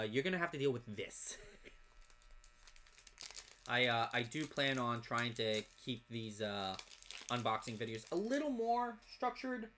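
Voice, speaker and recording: Over slight background noise, a man with a bright, forceful, medium-pitched voice hosts a casual card unboxing. He wanders from subject to subject, reading card names in quick succession as he opens packs.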